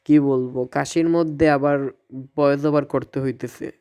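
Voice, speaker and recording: A man with a Bangladeshi Bengali accent, hoarse from coughing, rambling and mocking himself in an unscripted gameplay voice-over. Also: a little high, fairly even intonation, normal speed, a little mellow. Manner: rambling, self-mocking, groans at near misses. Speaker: gaming video creator.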